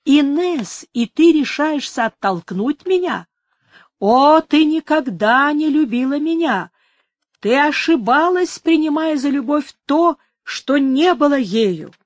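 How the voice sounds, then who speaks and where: An impassioned young nobleman in a storybook reading, exclaiming his lines slowly and fervently, as a woman reader puts him on. The voice sits fairly high and is recorded dry and close. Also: fairly bright tone, dry recording. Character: passionate young nobleman lover. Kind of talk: dramatic audiobook reading.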